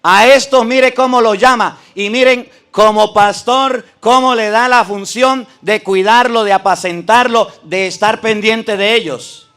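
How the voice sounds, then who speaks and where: A man's voice: high-pitched, fairly even intonation, measured pace, hardly any pauses, a bit bright, clean tone. A priest in a debate, arguing emphatically with his opponents and repeating scripture phrases for stress. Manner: emphatic, addresses opponents directly. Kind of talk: preaching debate argument.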